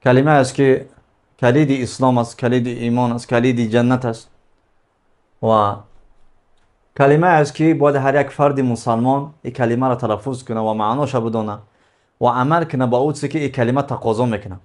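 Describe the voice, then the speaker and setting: A man's voice: mid-range voice, steady tone, darkish tone. A man teaching a religious lesson, explaining step by step, repeating key phrases and answering his own questions.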